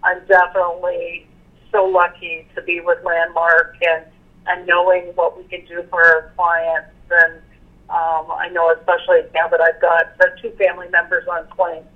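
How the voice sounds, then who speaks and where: A woman's voice: on the low side, monotone, moderate pace. A woman on a company call, speaking hesitantly with many fillers about loving her work. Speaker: sales team member on a call. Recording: tinny phone line.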